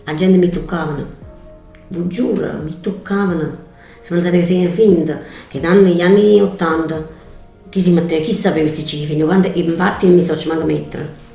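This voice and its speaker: A woman's voice: fairly low pitch, steady tone, brisk, gravelly, dark tone. A middle-aged woman with a Neapolitan accent, chatting informally in dialect. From Naples area, Italy. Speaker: mother of the vlogger, makeup model. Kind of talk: casual chat in dialect. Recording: roomy echo, music behind.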